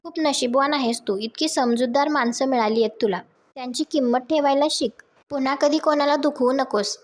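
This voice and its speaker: A woman reading out the lines of a firm but forgiving mother figure who gives one last warning, in her high voice. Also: brisk. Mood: stern.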